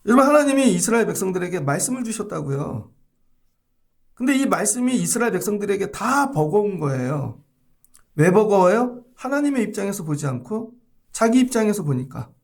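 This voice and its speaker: A man preaching an early-morning sermon with a gravelly, creaky edge to a fairly high voice. His pitch swings widely as he talks with the congregation and slips into quick voices for soldiers, students and workers. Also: sing-song. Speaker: pastor.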